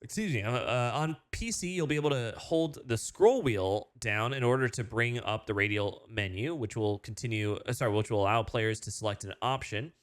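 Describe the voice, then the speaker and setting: A man's voice: medium pitch, moderate pace, few pauses. A man casually reading game update notes aloud and reacting, with frequent fillers and restarts, sounding sleepy early in the morning. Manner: chatty, many fillers and restarts, reads aloud then reacts. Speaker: gaming video host.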